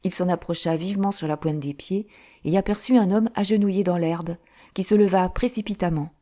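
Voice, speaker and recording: A woman reading a detective novel aloud as scripted audiobook narration, measured and even. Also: fairly low pitch. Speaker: audiobook reader.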